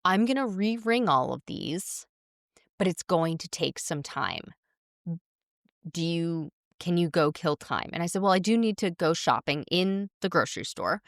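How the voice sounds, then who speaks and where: A woman with a slightly low voice tells a rambling story to her podcast listeners. She sounds exasperated and chatty and drops in quick quotes of what others said. The sound is dry and close, with no room around it. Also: no echo. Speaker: podcast host and running coach. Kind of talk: casual storytelling monologue.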